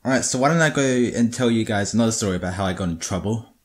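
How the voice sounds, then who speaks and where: A man's voice: on the low side, fast, loud music behind the voice. A teenage boy telling crude school stories in a casual, profane, rambling way, full of restarts. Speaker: storyteller. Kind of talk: casual storytelling.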